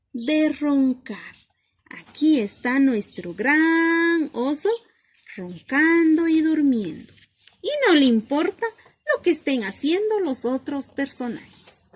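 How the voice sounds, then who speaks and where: Slow, lively-voiced woman reading a storybook. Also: sits high. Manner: asks the listener questions, then answers them herself. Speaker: teacher reading a picture book aloud. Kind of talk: storybook read-aloud lesson for children.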